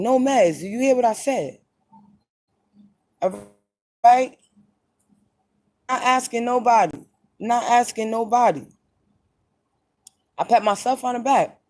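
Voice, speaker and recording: A woman's voice: fairly high pitch, a little mellow. A woman hosting a late-night podcast in a blunt, emphatic monologue, repeating her points for stress. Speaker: podcast host.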